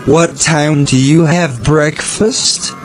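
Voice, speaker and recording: A man's voice: on the high side, steady tone, slow pace, soft background music. A man asking simple scripted questions in a repeated language-practice dialogue.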